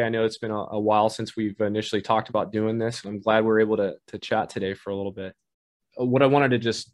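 A man in his fifties from Southern California, an army colonel speaking as a guest over a video call from his office, measured and formal with occasional fillers. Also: on the low side.

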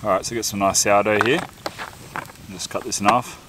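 A man's voice: lowish voice, fairly even intonation, normal speed. An Australian man in his thirties vlogging casually from a snowy campsite, chatty and laughing often as he teases a mate. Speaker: outdoor vlogger. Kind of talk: casual camping vlog. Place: snowy bush campsite outdoors. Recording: noisy outdoor camera audio.

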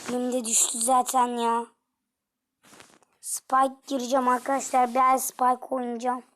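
A young woman commenting on her own gameplay, dropping to whispers and then shouting in frustration. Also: a little high, level tone, normal speed. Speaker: gaming streamer.

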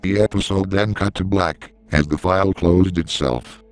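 A man giving scripted horror story narration in a steady, measured way, recorded on a close mic. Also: low-pitched, soft background music, poor audio.

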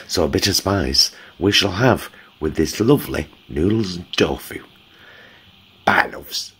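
A middle-aged man with a Northern English accent hosts a homely food vlog, chatting casually and affectionately and calling his viewers "loves." His voice is deep, animated and slightly rough, a bit bright, and his delivery is a little slow.

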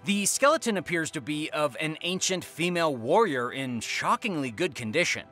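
A man's voice: a little high, bright, forceful tone. A man narrating a scripted countdown video in a dramatic way, posing teasing questions to the viewer.

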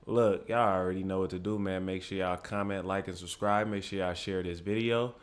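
A man's voice: deep voice, fairly even intonation, fairly quick. Laid-back young man hosting a reaction. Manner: laid-back slang, frequent "man" and "you feel what I'm saying". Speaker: reaction video host. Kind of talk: casual reaction commentary.

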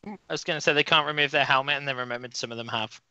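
A man's voice: mid-range voice, very fast, pushed and bright, no echo, highs cut off. A man co-hosting a casual gaming podcast, teasing and dry.

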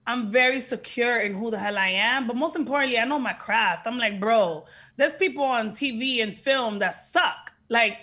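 Her voice is on the high side and sharp, moving at a moderate pace with few pauses. She is a young woman of Dominican heritage with Dominican Spanish-tinged English, a frank, emphatic, occasionally swearing actress guest on a casual podcast interview via video call, seated indoors before a plain backdrop.

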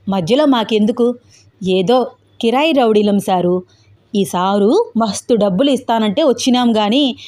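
A woman voicing a group of rough hired street thugs who speak in blunt rustic slang. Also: a little high, darkish tone, natural voice. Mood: pleading.

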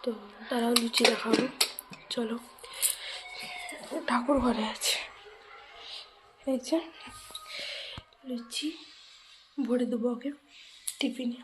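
A woman's voice: on the high side, steady tone, takes it slowly, pauses often, background noise. A woman, chatting casually to her viewers as a home vlogger. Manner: chatty, talks straight to viewers as friends. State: hoarse from a cold. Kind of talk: casual home vlog chat. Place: home indoors.

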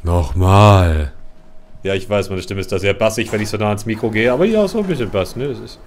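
A man doing let's play commentary on a horror game, chatty with his viewers and jumpy, swearing and shouting at scares, close on a studio mic. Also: lowish voice, expressive, racing, slight background noise. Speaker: let's player. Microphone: large-diaphragm studio mic, close.

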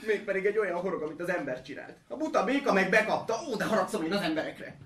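A man's voice: high voice, a bit bright. A man voicing a ticklish male frog who can't stop laughing, in a musical children's stage play, heard from far off in an echoey hall. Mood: grumbling. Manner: giggly, then sings joyfully.

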